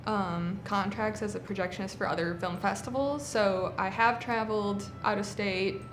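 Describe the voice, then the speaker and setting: A woman's voice: medium pitch, normal speed, roomy sound, background noise. A woman in her late twenties, a cinema technical manager, talking casually in a documentary interview with lots of filler words. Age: 20s. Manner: casual, relaxed, frequent "like" fillers. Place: historic movie theater.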